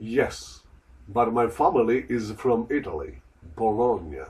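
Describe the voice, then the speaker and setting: A man voicing repeat-after-me lesson drills, slow and careful, with lively intonation. He sounds set back from the microphone. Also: fairly low pitch, recorded from a distance, poor audio. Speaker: lesson model voice repeating lines.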